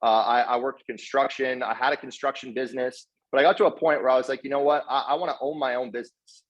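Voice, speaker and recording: Talking fast with fairly even intonation, a medium-pitched Canadian man partly raised in South Africa gives an informal motivational talk as a guest speaker and network marketer. His manner is earnest, effusively grateful and slangy, full of bro-talk and repeated words. The sound is dull, lo-fi online call audio.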